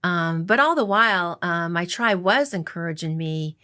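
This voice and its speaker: A woman's voice: on the low side, animated, normal speed, bright, forceful tone, smooth. A middle-aged woman from Idaho, an interview guest telling her story in an earnest, reflective way with many filler ums. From Coeur d'Alene reservation, Idaho, US. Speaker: interview guest, casino executive.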